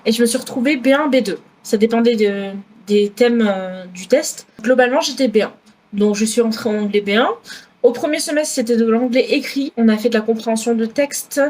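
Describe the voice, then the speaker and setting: A woman's voice: on the high side, brisk, darkish tone. Chatty young French woman vlogging. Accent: southwest French. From France. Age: 20s. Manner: chatty, many fillers and self-corrections. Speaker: student vlogger. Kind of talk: casual vlog talk.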